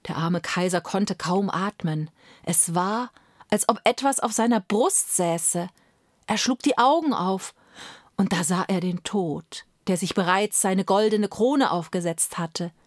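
Slow dramatic woman reading a fairy tale. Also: medium pitch, a little mellow, no room sound, clean studio sound. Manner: slow, dramatic, drops to whispers. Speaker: storyteller.

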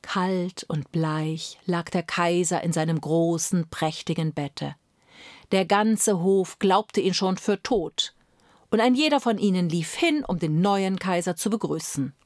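A woman reading a fairy tale aloud, dramatic and measured, sometimes dropping to a whisper. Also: on the low side, darkish tone, dry recording, clean studio sound. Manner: slow, dramatic, drops to whispers. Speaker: storyteller.

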